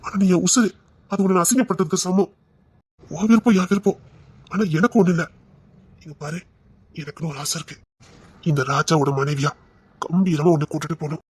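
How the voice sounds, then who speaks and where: Guy doing a soft-spoken devoted young lover, husky voice, calm and insistent. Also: fairly high pitch, a little fast, long pauses. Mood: earnest, pleading. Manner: tender, soothing, insistent. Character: devoted young man, protective and reassuring. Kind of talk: romantic drama acting.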